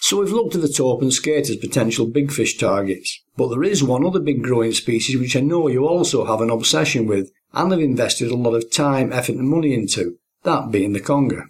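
A man with a somewhat raspy voice of average pitch acts as interviewer. He introduces the next subject in orderly, prepared sentences. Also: animated, fairly quick, hardly any pauses.

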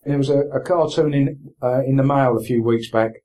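A man's voice: medium pitch, normal speed, warm tone. A man in his sixties with an Essex accent, talking casually and plainly as an interview guest, with colloquial turns of phrase. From Essex, England. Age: 60s. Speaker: interview guest, veteran sea angler.

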